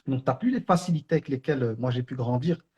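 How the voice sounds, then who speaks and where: A man's voice: mid-range voice, fast talker, mellow, breathy edge, lo-fi sound. A middle-aged man from Brussels, sharing an earnest personal spiritual reminder in a conversational storytelling way, full of fillers. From Belgium, Brussels. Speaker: online Islamic teacher.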